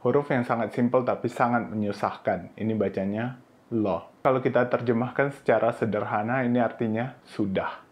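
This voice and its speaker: Man teaching slow, careful Mandarin. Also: medium pitch, fairly even intonation. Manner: explains step by step, says example words slowly and clearly. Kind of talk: online language lesson.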